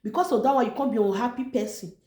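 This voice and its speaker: A woman's voice: on the high side, quick pace, a little mellow. A woman with a Nigerian accent speaking Nigerian Pidgin, giving an informal motivational talk in an emphatic, repetitive, exhorting way. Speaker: online motivational vlogger. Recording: echoey room.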